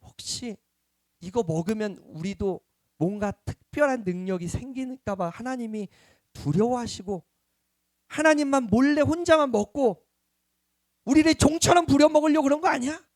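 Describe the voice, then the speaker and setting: A man voicing the hushed, suspicious inner doubt of the first couple in a sermon. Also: very high-pitched, moderate pace, no room sound, clean studio sound, pitched above the performer's own voice.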